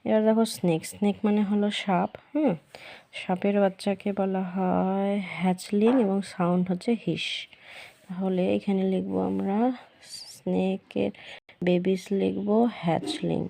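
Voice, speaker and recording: A woman teacher, explaining a children's workbook lesson patiently and repeating the answers slowly. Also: medium pitch, level tone, gravelly, dark tone, slight background noise.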